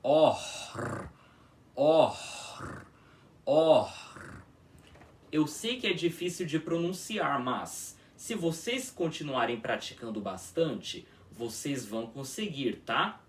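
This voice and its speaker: A man teaching a pronunciation lesson, demonstrating each sound slowly and checking in with his students. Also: on the high side, lively intonation, fairly bright tone, far from the mic. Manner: drawn-out patient demonstrations, frequent "tá?" checks. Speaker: language teacher.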